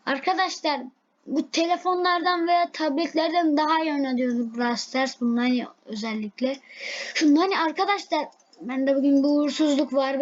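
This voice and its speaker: A woman commenting live on her own gameplay, excitable and easily frustrated, repeating herself as she plays. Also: sits high, muffled recording. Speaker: game streamer.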